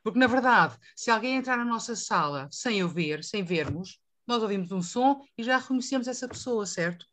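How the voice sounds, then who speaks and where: Woman voice teacher from Portugal with a European Portuguese accent, moderating a panel. Expressive, questions the group, sits a little high. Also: moderate pace, few pauses. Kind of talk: panel discussion.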